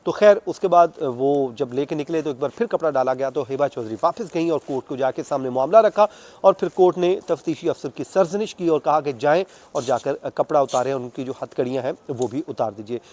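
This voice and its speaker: A man with a Pakistani accent speaks quickly in a fairly high, darkish voice. Working as a court reporter, he gives an unscripted, conversational news account, walking through events step by step and mixing in English legal terms.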